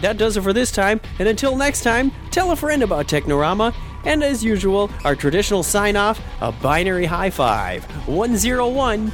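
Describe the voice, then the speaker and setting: Lively male podcast host, higher-pitched voice. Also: normal speed, soft background music. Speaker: show host. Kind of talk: podcast hosting, interview wrap-up and sign-off.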